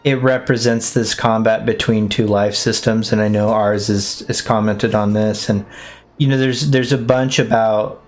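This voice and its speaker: A man's voice: lowish voice, steady tone, moderate pace, faint music behind. A man co-hosting a casual stream chat, hesitant and restarting his sentences. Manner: hesitant, many ums and restarts. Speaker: stream co-host.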